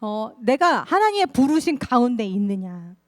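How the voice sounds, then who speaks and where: A woman pastor preaching to young people, telling a personal story in a lively, colloquial way. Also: fairly high pitch, moderate pace. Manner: lively, confessional storytelling, colloquial, laughs often.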